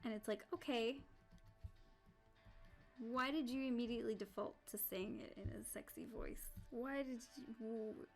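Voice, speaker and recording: A woman's voice: a little high, moderate pace, pauses often. A woman streamer chatting casually and rambling while she draws. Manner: rambling, full of "like" and restarts. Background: faint background music.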